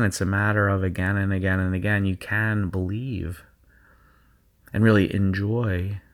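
A man with a low, gravelly voice leads a guided visualization for athletes. He speaks in a slow, soothing, hypnotic rhythm and keeps repeating phrases so they settle in. The pitch sits low and a rough fry runs through his words. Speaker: sports performance coach.

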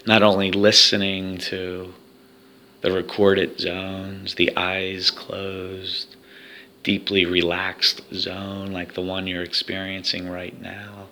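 A man leads a guided hypnosis recording for athletes, speaking in a soothing, repetitive, hypnotic manner. His voice is deep and gravelly, yet pushed and bright.

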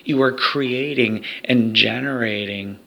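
A man's voice: mid-range voice, takes it slowly, creaky, pushed and bright, low-quality recording. A man leading a guided hypnosis recording for athletes, speaking in a soothing, repetitive hypnotic way.

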